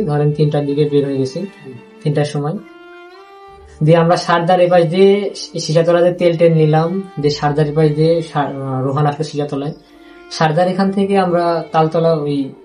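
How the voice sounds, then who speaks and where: A young man with a Rajshahi Bengali accent tells a personal story, stopping and restarting and repeating himself often. His voice sits slightly high for a man yet sounds dark and mellow. Faint music plays underneath. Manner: halting and repetitive, with many restarts. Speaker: interviewee.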